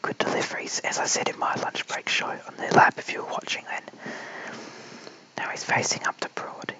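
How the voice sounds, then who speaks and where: A man's voice: sharp tone, rough recording. A man with an Australian accent whispering eager live cricket commentary late at night at home, calling each delivery.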